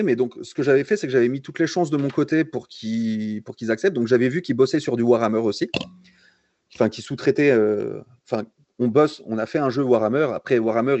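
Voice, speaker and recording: Relaxed joking French man. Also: mid-range voice, dry recording, lo-fi sound. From France. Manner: relaxed, joking, many fillers and restarts. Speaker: guest concept artist. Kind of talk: casual storytelling in a livestream interview.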